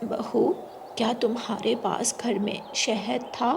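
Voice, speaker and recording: A woman's voice: on the high side, steady tone, slow, gravelly, noisy background. A woman voicing a stern, bossy mother-in-law bird in a storybook cartoon, demanding and scolding.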